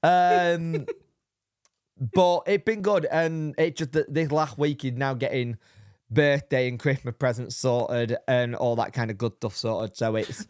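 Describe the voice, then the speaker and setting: A man, hoarse from illness, co-hosting a casual football podcast in a blunt, wry way. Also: medium pitch, fairly even intonation, slow pace, no room sound, clean studio sound. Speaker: podcast co-host.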